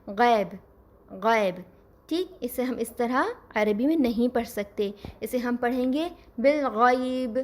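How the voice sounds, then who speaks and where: A woman teaching Quran recitation, explaining patiently step by step and slowing down to model each sound. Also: high voice. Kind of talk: scripted lesson.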